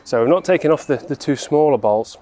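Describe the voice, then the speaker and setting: A man's voice: mid-range voice, animated, fairly quick, dark tone. Man giving casual hands-on repair narration. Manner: informal, explaining step by step. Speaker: presenter of a car repair vlog.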